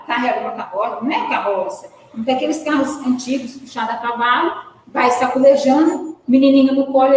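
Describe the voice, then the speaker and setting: High-voiced woman lecturing in an echoey hall. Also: recorded from a distance, slight background noise. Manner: emotive storytelling, addresses listeners directly. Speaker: spiritist lecturer. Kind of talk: storytelling lecture. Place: spiritist centre hall.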